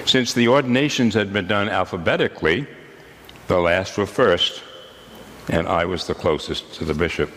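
A man in his eighties, a priest, delivering a sermon in a measured, solemn way with deliberate pauses. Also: low voice, fairly bright tone, long reverb tail, slight background noise. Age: 80s.

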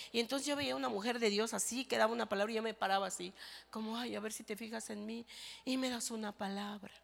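A woman pastor delivering a sermon, emphatic and rising to shouted exhortations, recorded in a church hall. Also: a little high, gravelly.

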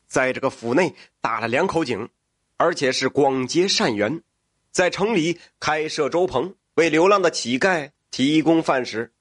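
A man's voice: fairly high pitch, no room sound, studio quality. Chatty male folk-tale storyteller. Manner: lively, chatty asides.

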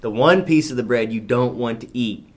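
A man's voice: medium pitch, moderate pace. A man co-hosting a podcast, chatting casually and laughing easily as he muses aloud while eating. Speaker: podcast co-host. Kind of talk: casual chat.

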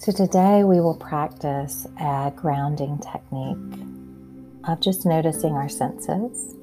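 A woman hosting a podcast leads a calm grounding exercise in a gentle, unhurried, instructional manner. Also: low-pitched, soft background music. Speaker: podcast host and mindfulness guide.

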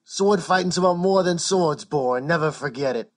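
Man playing a gruff old sword master. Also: a little high, normal speed, close to an everyday voice. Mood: instructive. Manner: gruff, instructive. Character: old male sword master giving advice.

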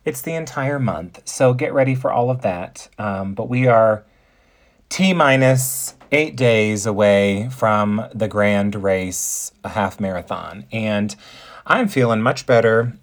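A man's voice: fairly low pitch, takes it slowly. A man in his forties hosting a podcast, chatting in a bubbly, campy way with playful pet names from his makeup table. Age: 40s. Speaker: podcast host. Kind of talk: casual monologue.

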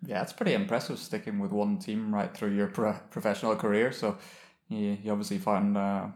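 Man from ireland, host, lowish voice, friendly teasing chat, roomy echo. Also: fairly even intonation, brisk, darkish tone. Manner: friendly, teasing, loose phrasing. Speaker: podcast host. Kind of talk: casual interview chat.

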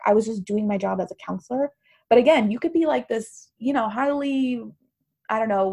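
During a casual podcast discussion, a woman who works as a counselor and university professor explains things at length in a thoughtful, teacherly way. Her voice is medium in pitch, creaky and mellow.

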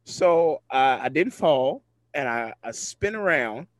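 A man's voice: medium pitch, expressive, slow pace, no room sound. A man telling a funny personal story in casual chat, often laughing as he talks.

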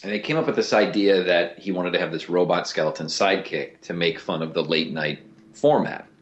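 Man with a low voice, roomy lo-fi sound. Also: a little fast. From Cleveland, USA. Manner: animated, with frequent restarts. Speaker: guest, voice actor. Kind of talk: casual interview talk. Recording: roomy lo-fi recording.

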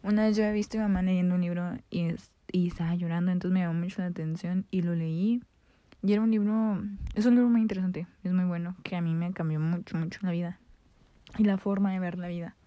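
A woman's voice: fairly low pitch, steady tone, fast talker, no echo, muffled recording. A young woman with a Mexican accent, telling a casual, slangy story about her school days and swearing freely. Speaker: vlogger.

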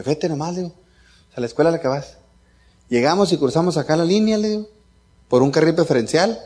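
A man's voice: a little high, darkish tone. A middle-aged man with a Mexican accent telling a casual family anecdote, joking and chuckling as he goes. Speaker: father telling a story.

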